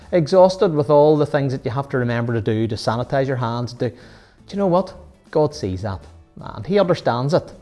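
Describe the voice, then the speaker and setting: Man, Sunday school teacher, middle pitch, chatty storytelling with questions, faint music under. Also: dark tone. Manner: storytelling, asks the listeners questions, with asides. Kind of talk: children's Bible story talk.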